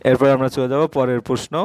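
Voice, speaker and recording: A man's voice: medium pitch, dry recording. Male teacher going through answers. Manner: reads English answers slowly and syllable by syllable, quicker in Bengali. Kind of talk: exam answer walkthrough.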